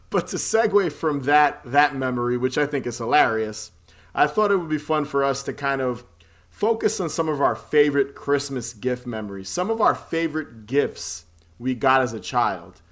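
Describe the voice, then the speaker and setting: A man's voice: mid-range voice, lively intonation, normal speed, fairly bright tone. A man in a mid-range voice hosts a casual podcast. He keeps the banter loose, laughing often and swearing freely as he steers the conversation. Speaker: podcast host. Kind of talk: casual chat.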